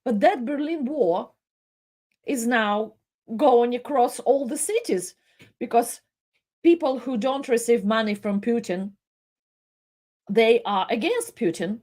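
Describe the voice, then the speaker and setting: Woman presenter, kinda high voice, slow and emotional, keeps stopping and repeating herself. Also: a little mellow. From Soviet Union. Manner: emotional, halting, repeats words. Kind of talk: impassioned live commentary.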